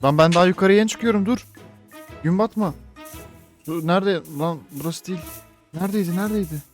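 A young man with a Turkish accent talks through a Minecraft let's play in a slightly high voice. He gets excitable fast, yelping and shouting orders at his pet dog. Faint game music plays beneath him. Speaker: gaming YouTuber.

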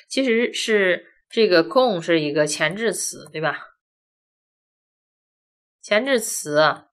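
A woman teaching a grammar lesson, walking through each point step by step and often asking rhetorical questions. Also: on the low side. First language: Chinese. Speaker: language teacher. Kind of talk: classroom-style grammar lesson.

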